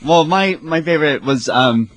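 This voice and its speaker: A man in casual chat who gets excitable and yells out quoted lines. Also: on the high side, moderate pace, slight background noise.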